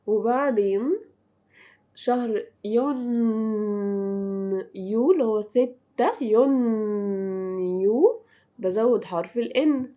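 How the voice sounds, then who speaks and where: A woman teacher with an Egyptian Arabic accent, giving a language lesson and repeating each word slowly and clearly. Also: fairly high pitch, mellow, dull audio. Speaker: French teacher. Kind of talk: slow drilling language lesson.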